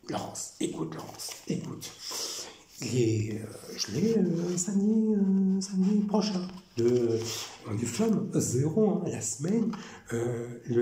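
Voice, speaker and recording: A man from France talking to camera in a rambling, repetitive and animated way. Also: high-pitched. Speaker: vlogger. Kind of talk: casual monologue. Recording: echoey room with faint noise.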